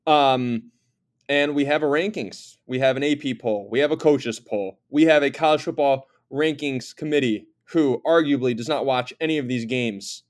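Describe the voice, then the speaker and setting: A man's voice: mid-range voice, normal speed. A man hosting a sports podcast in casual talk, chatty and hesitant with frequent fillers. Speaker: podcast host.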